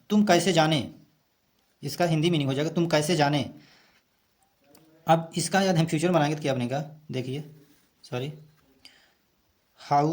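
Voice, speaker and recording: Guy explaining english grammar in hindi, bit high voice, reads each line slow then translates, repeats stuff patiently. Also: darkish tone. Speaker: English teacher. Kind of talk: bilingual grammar lesson.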